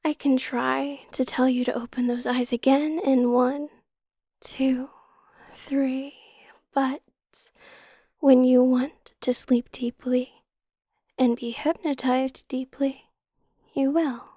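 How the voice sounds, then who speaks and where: Slow, soft whispery woman hypnotist, high-pitched. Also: level tone, no echo, studio quality. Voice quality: soft, breathy, partly whispered. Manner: slow, soothing hypnotist delivery. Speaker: hypnotist guide. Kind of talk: whispered hypnotic induction, ASMR.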